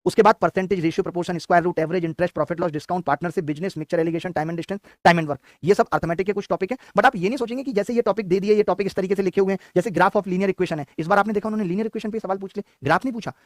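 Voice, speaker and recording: Man, math teacher, live online class, very fast, high-pitched, urging, close dry mic. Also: fairly even intonation, no room sound. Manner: rapid, exhortative lecturing.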